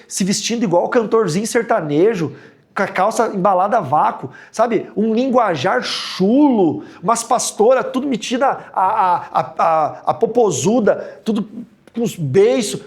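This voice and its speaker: A pastor teaches scripture with lots of humor, his voice swinging widely up and down. There's a gravelly edge to his voice as he jokes and jumps into high, mocking tones. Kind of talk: humorous Bible study teaching.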